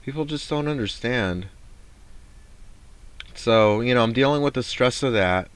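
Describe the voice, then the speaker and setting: A man's voice: medium pitch, lively intonation, unhurried, smooth. A man venting in a rambling vlog monologue, frustrated, swearing and restarting his sentences. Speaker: vlogger.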